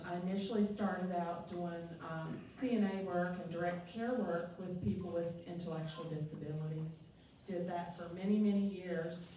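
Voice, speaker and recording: A woman's voice: on the low side, mellow. A middle-aged woman from West Virginia with an Appalachian accent gives an informal, folksy and self-deprecating introduction of herself. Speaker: nursing home administrator introducing herself. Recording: very echoey hall, distant mic, faint noise.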